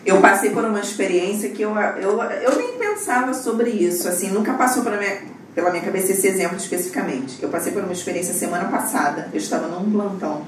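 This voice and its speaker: A woman's voice: medium pitch, fast, a little hiss or hum. A young woman with a Brazilian Portuguese accent, a surgical resident chatting animatedly on a podcast. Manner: animated, acts out quoted voices. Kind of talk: casual podcast conversation. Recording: echoey room from far off.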